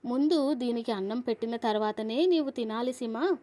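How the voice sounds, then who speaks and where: A stern but kind water king from a storybook, as a woman narrator puts him on, giving commands and warnings. His voice is somewhat high. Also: moderate pace, mellow, close to an everyday voice. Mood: commanding.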